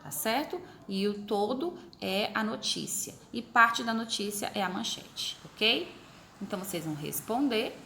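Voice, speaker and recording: A woman teacher explaining a lesson to her pupils, repeating examples slowly and stretching syllables. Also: mid-range voice, lively intonation, sharp tone, slight background noise. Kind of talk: recorded remote class explanation.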